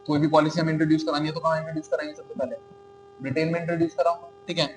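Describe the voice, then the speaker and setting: A man's voice: on the high side, level tone, rapid-fire, over music, rough recording. A man with an Indian accent giving a classroom lecture, asking his students questions and answering them himself, often checking in with "okay?". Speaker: teacher.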